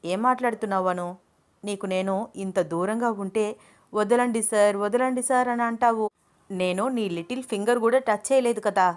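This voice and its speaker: A woman's voice: mid-range voice, normal speed, natural voice. A woman voicing a confident young man who teases and bosses a younger student. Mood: teasing. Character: confident young male teacher, teasing.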